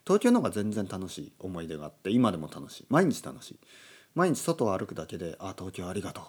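A man from Oita, Japan, hosting a relaxed solo talk for learners, explaining slowly and glossing words in English. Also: low voice, slightly rough. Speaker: podcast host. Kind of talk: casual monologue for Japanese learners. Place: indoors at a table.

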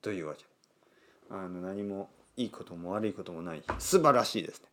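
A man hosting a casual solo podcast, talking slowly and clearly with many fillers. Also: low voice. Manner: animated, acts out quoted voices. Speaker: podcast host.

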